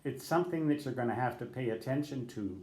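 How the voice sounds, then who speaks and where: Talking quickly in a medium-pitched, mellow voice, an older man gives improvised, wandering advice to camera, and the sound reverberates. He's a ham radio operator who corrects himself as he goes and spells letters using radio code.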